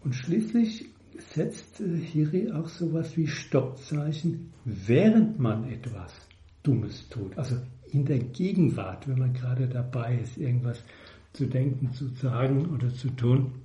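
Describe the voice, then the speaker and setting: A man giving a measured, explanatory Buddhist dharma talk. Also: medium pitch, animated, mellow, echoey room, highs cut off. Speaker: Buddhist teacher.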